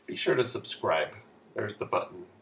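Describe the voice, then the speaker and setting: A man's voice: fairly low pitch, lively intonation, normal speed, fairly bright tone, far from the mic. A man giving sarcastic, mock-authoritative parenting advice in a comedy vlog. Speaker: comedy vlogger. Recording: roomy echo, off-mic, faint noise.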